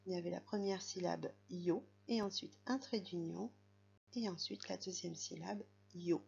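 A woman's voice: on the low side, normal speed, gravelly, a little mellow, lo-fi sound. A woman teaching a young child to read, patiently spelling out letters and sounds. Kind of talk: reading lesson for a young child.

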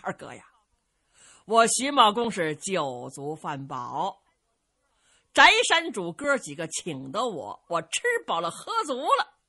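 A woman voicing a shrewd, stern male strategist who speaks in a measured, scolding way. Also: fairly low pitch, big pitch swings, sharp tone, breathy edge, heavily acted.

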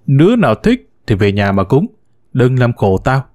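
A man's voice: mid-range voice, very animated, moderate pace, a little mellow, no room sound, clean studio sound, lightly acted. A man voicing an older widowed mother who scolds her grown sons with venom, in a storybook reading. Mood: defiant. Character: sharp-tongued older widow, furious mother.

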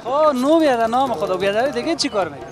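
A man's voice: very high-pitched, animated, music in the background. A man with an Afghan Dari accent working as a street reporter, asking friendly, coaxing questions outdoors on a city street. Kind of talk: street interview.

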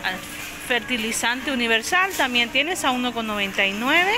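A shopping vlogger films on her handheld phone inside a large discount supermarket, chatting casually through the store as she lists prices and sizes and corrects herself. Her voice is on the high side and animated, at a moderate pace, with background music playing under it and a noisy backdrop.

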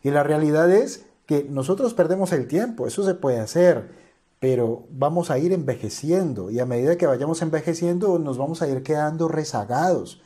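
A man's voice: fairly high pitch, animated, moderate pace, mellow, husky. A man, an investor, reacting to a video with earnest, motivational commentary and speaking directly to his viewers.

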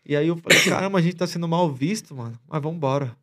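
A man's voice: a little high, fast talker, a bit bright. A man as a podcast guest, retelling a story in a rambling, slangy way with many restarts. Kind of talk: casual storytelling chat.

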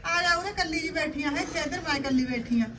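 A woman's voice: very high voice, fairly quick, far from the mic, noisy background. An actress playing a caring Punjabi mother-in-law, talking firmly and soothingly to her daughter-in-law.

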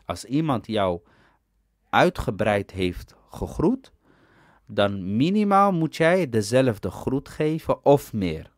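Slow, animated man teaching Arabic grammar. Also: medium pitch, dry recording, clean studio sound. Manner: explains step by step, asks "ja?" to check understanding. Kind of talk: recorded language lesson.

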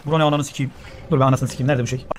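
A man streaming a video game, swearing nonstop and flaring into sudden shouts. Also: mid-range voice, little pitch movement, very fast, noisy background. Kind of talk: live gaming commentary.

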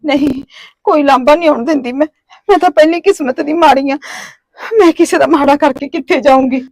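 A woman plays a desperate village wife cast out by her in-laws, weeping as she begs for a roof and two meals a day. Her voice sits high and tearful. The recording is close and dry. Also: brisk, a little mellow, no room sound. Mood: earnest pleading. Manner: pleading, tearful. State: crying. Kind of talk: amateur short-film acting.

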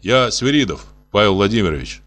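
A man's voice: on the low side, very animated, a little fast, fairly bright tone. Storybook role: man voicing a courteous grandfather, serious and composed. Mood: polite. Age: older. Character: large dignified grandfather, polite and calm.

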